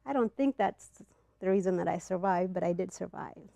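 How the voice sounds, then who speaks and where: Middle-aged woman from ethiopia telling a story to a crowd, earnest, halting, lots of ums, dry close sound. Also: fairly low pitch, creaky, mellow, no echo. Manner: earnest, halting delivery with pauses and fillers. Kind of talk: personal storytelling to a live audience. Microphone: clip-on mic, not in front of the face.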